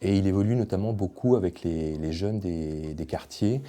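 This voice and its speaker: A man speaks in a casual interview, haltingly, repeating words as he forms his thought. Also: deep voice, mellow. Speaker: film director interviewee.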